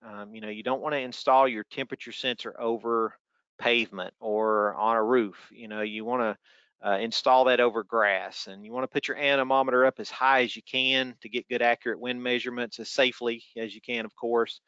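A man with a Tennessee accent speaks in a bright, smooth voice at a middle pitch, recorded dry and close. He works through questions like a trainer on a webinar, in an informal, folksy, conversational way. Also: fairly even intonation, brisk, no room sound, dull audio. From Tennessee, United States. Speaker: weather spotter trainer.

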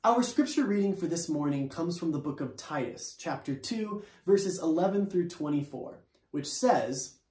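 Sitting on his living room couch, a young man with a slightly high voice leads a school chapel from home, reading scripture calmly and plainly, then singing playful children's songs with guitar, growing animated. The camera faces him, framing his upper body, and the home recording sounds roomy.

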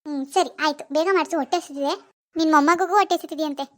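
A woman's voice: high voice, steady tone, very fast, fairly bright tone, pitched below the performer's own voice. A woman voicing a grieving young woman who believes she is still pregnant, childlike, dreamy and stubborn. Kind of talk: animated family drama voice acting.

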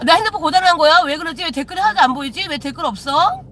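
A woman's voice: very high voice, lively intonation, quick pace, sharp tone. A woman shaman hosting a casual live stream, chatting with viewers, greeting them and swearing casually. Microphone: phone.

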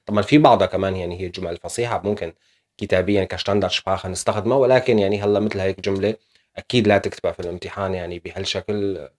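A man's voice: low voice, darkish tone. A man teaching German in a casual video lesson, explaining step by step with frequent fillers.

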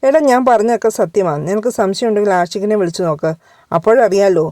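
A woman voicing a scheming middle-aged mother who talks in a sly, scornful way, with a mellow voice. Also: mid-range voice, fast, no echo, clean studio sound, close to an everyday voice.

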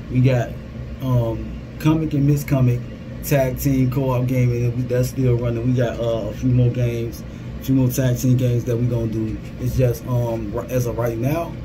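Casual man vlogging in a noisy little booth. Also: medium pitch. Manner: informal, repeats phrases. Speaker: gaming content creator. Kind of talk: casual vlog update. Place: small security guard booth. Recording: clear vehicle and ambient background noise.

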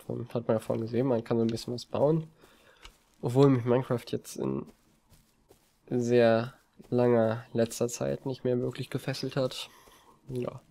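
A man giving relaxed, rambling commentary over a video game from his desk, with frequent hesitations. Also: medium pitch, gravelly, slight background noise. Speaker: let's play gamer. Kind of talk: casual gameplay commentary. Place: home desk. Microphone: desk mic on a stand.

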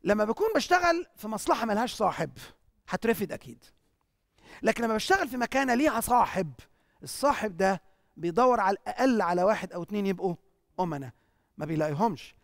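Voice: medium pitch, expressive, quick pace, gravelly, dry recording, studio quality. A church teacher with an Egyptian accent, answering questions in a preaching style and asking rhetorical questions that the speaker answers at once. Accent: Egyptian Arabic.

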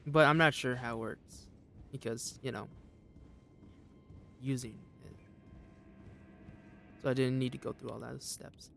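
A man's voice: fairly even intonation, measured pace, vocal fry, long pauses, fairly bright tone, a little hiss or hum. A young man streaming a game, chatting casually and nervously while he plays, often laughing. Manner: jittery, laughing, mimics enemies in high voices. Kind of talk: casual gameplay commentary.

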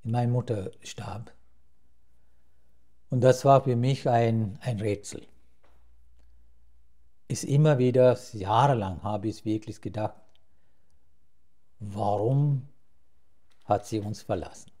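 A man in his seventies from Sri Lanka, a Buddhist monk with a Sri Lankan accent, telling his life story in a slow, halting way with many restarts. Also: lowish voice, mellow. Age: 70s. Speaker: Buddhist monk, interview guest. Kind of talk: reflective life-story interview. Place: temple hall with a Buddha shrine and plants.

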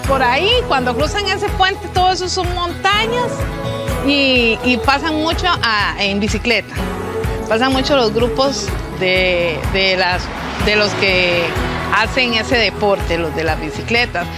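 Local woman, casual hesitant talk, fairly high, music behind. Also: animated, measured pace. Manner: hesitant, with fillers. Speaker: local resident interviewee. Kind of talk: casual interview.

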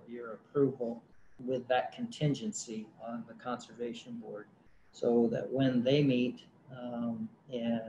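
Man presenting to a county board, mellow and halting, echoey meeting-room sound. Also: mid-range voice, dull audio. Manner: hesitant, many fillers and restarts. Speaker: county conservation director. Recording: roomy meeting-room audio, faint hum.

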